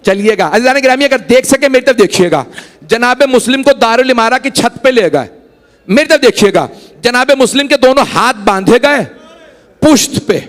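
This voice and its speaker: A man's voice: very high voice, expressive, moderate pace, fairly bright tone, long reverb tail. A middle-aged man with a Pakistani Urdu accent leading a Muharram mourning sermon. He urges the congregation directly and rises to cries at the peaks of the story. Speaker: Shia cleric leading a Muharram majlis.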